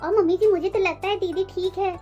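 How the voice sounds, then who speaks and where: A woman's voice: very high voice, fairly even intonation, brisk. A woman playing a sly, sweet-talking young daughter-in-law who placates her mother-in-law in a comedy skit. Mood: placating. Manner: sugary, placating. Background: background music.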